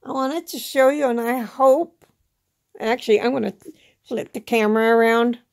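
A woman's voice: fairly high pitch, fairly even intonation, normal speed, a little mellow. A middle-aged woman giving a casual, rambling personal update to camera, plainspoken, with slightly slurred, toothless articulation. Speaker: vlogger. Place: small indoor room at home. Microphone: phone at arm's length.

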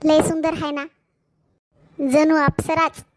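Woman doing bashful cartoon boy in love, high voice, soft and dreamy. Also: little pitch movement, takes it slowly, heavy background noise. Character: lovestruck shy schoolboy. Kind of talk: cartoon voice acting.

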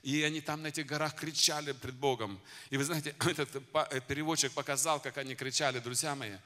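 A male preacher delivers a fervent sermon to a congregation in a conference hall. His voice is bright and forceful, and it rings out with a long hall reverb. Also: fairly high pitch, fairly even intonation, fast. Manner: fervent, exhorting address to the congregation.

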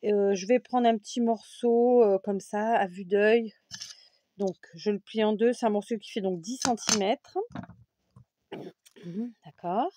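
A woman with a mellow, relaxed voice talks through a casual crafting tutorial. She chats freely, often hesitating and correcting herself mid-sentence. Faint clicks of handled tools sit under her voice. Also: medium pitch, a little slow, slight background noise. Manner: chatty, self-correcting, many fillers. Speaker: scrapbooking tutorial host.

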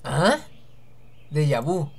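A woman's voice: low voice, big pitch swings, drawn-out words, gravelly, husky. A young woman hosting a let's-play, chatting and joking to herself as she reads game dialogue aloud. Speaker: gaming channel host.

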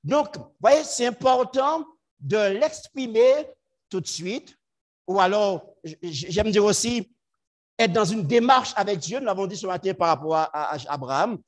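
Preaching to his congregation, a man swings between loud, emphatic lines and low, quiet asides. He is animated and speaks a little slowly.

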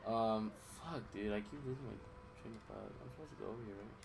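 Talking fast with vocal fry, a young man with a fairly low voice rambles casually while streaming a video game. He loses his train of thought, swears offhand, and sounds like his voice is recovering from strain. Game music and other background noise are present.

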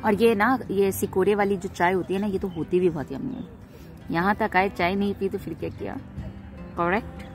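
A woman's voice: mid-range voice, fairly even intonation, moderate pace, faint music behind. A woman in her thirties chatting playfully to her phone camera on a family road trip, mixing English words into her talk. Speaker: family vlogger. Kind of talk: casual travel vlog chat. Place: outdoors at a roadside restaurant garden, then in a car. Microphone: phone held at arm's length.

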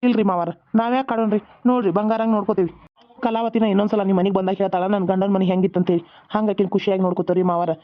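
Earnest village men of a homemade cartoon, all voiced by one man, talking fast in a North Karnataka accent. His voice sits fairly high, and the sound is thin and phone-like. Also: flat delivery, lightly acted. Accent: North Karnataka Kannada. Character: village men, a son-in-law and a father. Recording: tinny phone-like recording.

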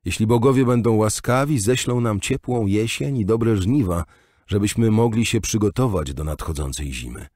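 A man reading an audiobook voices an old male scholar who explains things in a measured, gentle way. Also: fairly low pitch, animated, dry recording, studio quality, pitched above the performer's own voice. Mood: explaining. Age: older. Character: old male maester, patient and learned.

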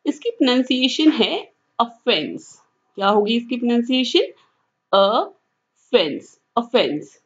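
A woman teaching English vocabulary online in Hindi mixed with English, saying each word slowly and then repeating it. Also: a little high, sing-song, lo-fi sound. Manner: mixes English words into Hindi explanations.

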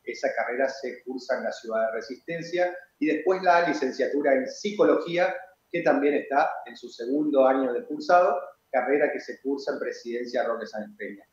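Man in his forties, measured rector answering over a video call, roomy dull sound, lots of "eh". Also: mid-range voice, slight background noise. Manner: measured, explanatory, frequent hesitation fillers. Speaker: university rector. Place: office with flags and bookshelf.

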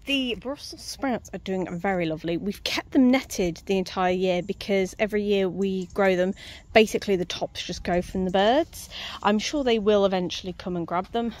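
With a medium-pitched, slightly mellow voice at a moderate pace, a woman casually tours her allotment garden. She's chatty and self-mocking, laughing readily. She films on a handheld phone outdoors, staying off-screen, and faint outdoor ambience is audible.

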